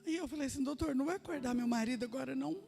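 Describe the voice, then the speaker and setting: Woman giving church testimony, high gravelly voice, earnest storyteller. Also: very fast, warm tone. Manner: earnest storytelling, quoting others in her own voice. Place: church sanctuary.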